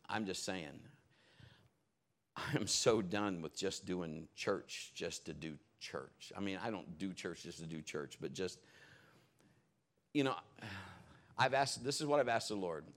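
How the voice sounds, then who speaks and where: A man's voice: sits low, a little slow. A man as a pastor, preaching in a church service and telling stories in a conversational way. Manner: conversational, animated retelling with acted-out quotes. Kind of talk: sermon storytelling.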